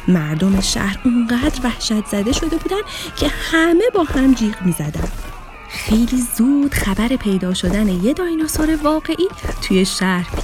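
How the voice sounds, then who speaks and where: A woman storyteller narrating a children's story in an animated, sing-song way, with music under her voice. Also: on the high side. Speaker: storyteller host.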